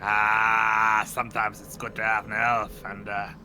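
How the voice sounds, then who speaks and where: A man's voice: fairly low pitch, completely flat delivery, measured pace, pushed and bright, slight background noise. A man playing a tabletop game, talking casually. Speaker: player. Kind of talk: casual play.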